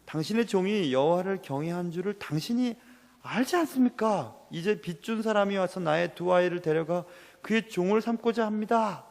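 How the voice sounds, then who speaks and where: Grieving widowed mother, put on by a male preacher, tearful pleading, gravelly edge, long reverb. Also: sits high, expressive, moderate pace, a little mellow, voice pushed up. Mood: desperate pleading.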